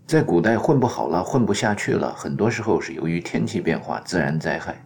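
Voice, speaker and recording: A man's voice: low-pitched, sing-song, a little fast, vocal fry, a little mellow, a little hiss or hum. A man narrating in a wry, mock-scholarly joking manner, as if giving a satirical lecture.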